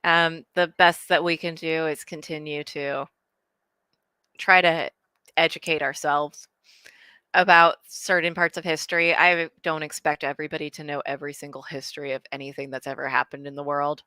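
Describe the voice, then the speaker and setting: Low, bright-toned hesitant woman. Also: flat delivery, moderate pace, clear, resonant tone, no echo. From Ukraine. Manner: thoughtful, hesitant with many restarts. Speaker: book club host. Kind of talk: casual discussion.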